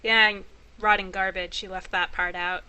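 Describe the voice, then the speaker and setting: A woman's voice: medium pitch, level tone, normal speed, pushed and bright, slight background noise, low-quality recording. A woman doing casual, playful let's play commentary, chatting away and reading dialogue choices aloud. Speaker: let's player.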